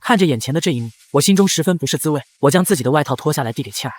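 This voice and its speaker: A man reading a first-person web-novel story as scripted narration, in a rapid, even storytelling delivery. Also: a little high, dry recording.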